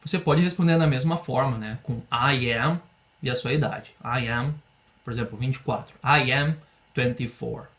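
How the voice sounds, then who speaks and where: A man from Brazil teaching an English lesson online. He talks at a middling pitch and patiently explains each point. He slows way down whenever he models a phrase for the students. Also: fairly bright tone.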